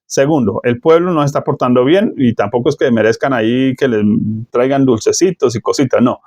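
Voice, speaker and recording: A man's voice: medium pitch, brisk, darkish tone, dry recording. A middle-aged man with a Colombian accent preaching a sermon in a conversational way, full of rhetorical questions. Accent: Colombian Spanish.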